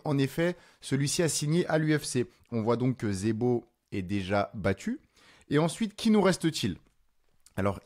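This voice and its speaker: A man hosting his own channel, explaining fight news in a casual, animated way with frequent fillers. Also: on the low side. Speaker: MMA channel host. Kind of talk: casual commentary to camera.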